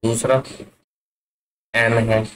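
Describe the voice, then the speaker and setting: A man's voice: medium pitch, level tone, drawn-out words, a bit bright, poor audio. A man teaching an English grammar lesson, asking his class questions and answering them himself. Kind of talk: classroom lesson explaining at a board.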